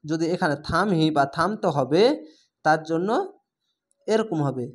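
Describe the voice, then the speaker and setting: A male reading teacher works through a lesson syllable by syllable. He draws each vowel out and breaks each word into parts. He repeats his instructions patiently, in a plain, unhurried teaching voice. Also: a little high, animated. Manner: spells out syllables one by one, stretching the vowels.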